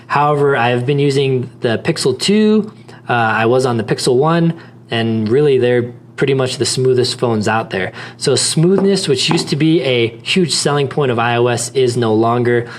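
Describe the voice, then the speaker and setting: A man's voice: mid-range voice, expressive, moderate pace, slight background noise. A man talking casually to viewers in a tech review vlog, rambling with many restarts, his voice a little worn.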